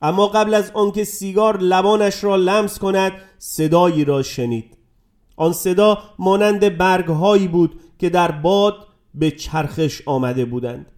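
A man narrating a story in a measured, dramatic reading style. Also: sits high, a little mellow.

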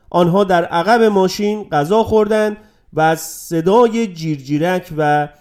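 A man narrating a story in a measured, dramatic reading style. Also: high-pitched, a little mellow.

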